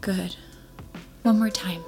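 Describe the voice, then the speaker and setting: A woman with a fairly low voice teaches a guided Pilates class. She gives encouraging instructions one step at a time. Music plays faintly behind her. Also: fairly even intonation, slow, warm tone.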